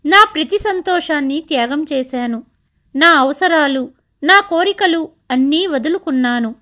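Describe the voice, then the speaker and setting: A woman voicing an aging single mother who speaks slowly and in a measured way. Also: high-pitched, expressive, sharp tone, full character voice. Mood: sorrowful. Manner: slow, measured speech. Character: aging widowed mother, dignified and wounded.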